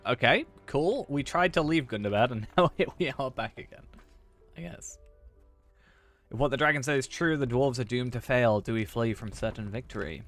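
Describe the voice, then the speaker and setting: A man's voice: medium pitch, moderate pace, fairly bright tone. A man streaming a game, chatting casually and reading quest text aloud. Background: game music.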